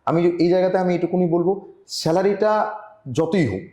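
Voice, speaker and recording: A man's voice: high-pitched, a little fast, darkish tone. Earnest man on a roomy video call. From Tripura, India. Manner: earnest, advising, with frequent hesitations. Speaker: journalist guest. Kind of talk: online interview conversation.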